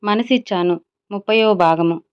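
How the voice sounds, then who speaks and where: Smooth-voiced woman storyteller. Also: medium pitch, normal speed, lo-fi sound. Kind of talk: scripted story narration.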